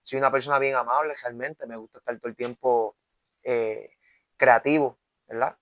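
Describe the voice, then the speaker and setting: A Puerto Rican man in his twenties, an evangelist guest, gives his testimony in an interview with a Puerto Rican Spanish accent. His mid-range voice is steady, a bit bright, and at normal speed with no room sound, and he speaks earnestly, restarting sentences and constantly tagging them with "¿verdad?".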